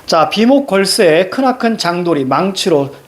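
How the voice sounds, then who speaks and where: A teacher in mid-lecture, with a lively pitch that climbs and dips on every point. Poem lines come out in a sing-song chant, and each idea ends with a quick question to the students. Casual asides break up the explanations. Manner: keeps checking in with short questions to students. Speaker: Korean literature teacher. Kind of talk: classroom lecture.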